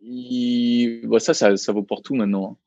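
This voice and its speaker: A man co-founder of a restaurant chats on a podcast, hesitant and full of restarts. His voice sits at a middle pitch. The recording is dry and a little dull. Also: flat delivery, warm tone, no room sound. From Vietnamese heritage, raised in France. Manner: halting, many fillers and restarts. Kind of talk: casual podcast interview.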